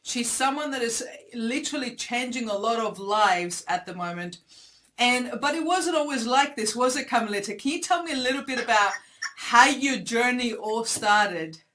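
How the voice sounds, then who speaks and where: A woman hosting an interview on a video call, asking questions in a measured, encouraging way. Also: a little high, expressive, a bit bright. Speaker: interviewer, host.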